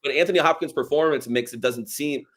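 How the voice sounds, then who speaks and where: A man's voice: fairly high pitch, fast talker. A man co-hosting a podcast, talking casually about a movie, reading out quotes and laughing often. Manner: relaxed, laughs often, reads quotes aloud. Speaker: podcast co-host. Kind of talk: casual film discussion.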